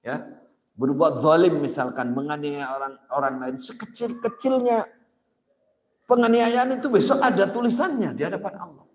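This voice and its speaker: A man's voice: high voice, normal speed. A man preaching a sermon, telling stories with emphatic, sharply rising stresses on key words. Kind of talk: sermon with storytelling. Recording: echoey hall with long reverb.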